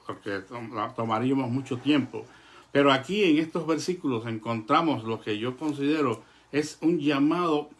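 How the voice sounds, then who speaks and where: A man preaching a sermon to his congregation in an earnest, measured way, pausing often and filling gaps with "eh". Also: medium pitch, fairly bright tone. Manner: earnest, measured delivery with pauses and "eh" fillers; addresses the congregation as brothers.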